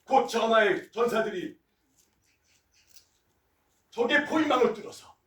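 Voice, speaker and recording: A man's voice: extremely high pitch, unhurried, a bit bright. A man playing an upright, defiant royal official in a historical stage drama, speaking in formal, archaic declamation. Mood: firm, urgent. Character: upright, defiant male court official urging war. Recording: echoey hall, distant microphone.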